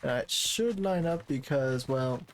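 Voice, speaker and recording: A man streaming a game from his desk mic, casual commentary that rambles and corrects itself, and he talks fast. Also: medium pitch, expressive. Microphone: desk microphone.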